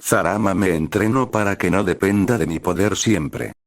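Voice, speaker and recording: A man voicing a young male guardian warrior, gentle and protective, with a soft, reassuring manner. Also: deep voice, normal speed, dry recording, studio quality.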